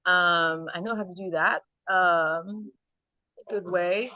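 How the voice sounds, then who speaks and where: A middle-aged woman from Haiti, answering interview questions earnestly and thoughtfully, often pausing to rephrase. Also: lowish voice, steady tone, no echo, muffled recording. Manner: earnest, thoughtful, with light laughs and restarts. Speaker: nonprofit founder and program director.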